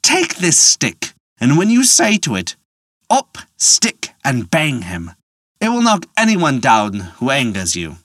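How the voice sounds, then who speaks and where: A storyteller playing a kindly old man in a folk tale, speaking in a lowered, measured way. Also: wildly swooping pitch, a bit bright, husky, no room sound, heavily acted. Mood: grateful. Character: kindly old man who rewards the hero.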